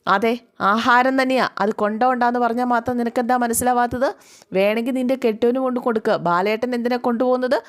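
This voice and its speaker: A woman's voice: fairly high pitch, steady tone, fast talker, voice pushed up, close to an everyday voice. A woman playing a bossy scolding mother-in-law. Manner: sharp, commanding scolding. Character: domineering middle-aged mother-in-law, harsh and scolding.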